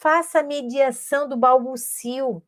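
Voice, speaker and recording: A woman's voice: high voice, fairly even intonation, measured pace. A woman educator, patiently explaining a teaching method to camera and modelling speech sounds aloud.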